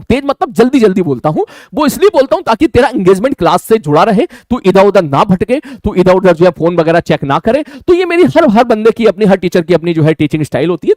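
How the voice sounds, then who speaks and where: A man teaching a live online class, talking fast and repeating his phrases with frequent checks for understanding. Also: sits high, a little mellow, no room sound, clean studio sound.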